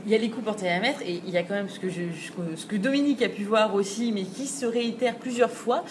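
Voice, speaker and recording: A woman co-hosting a podcast, chatting in a lively, amused way. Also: mid-range voice, quick pace, noisy background. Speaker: podcast co-host. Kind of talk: casual chat.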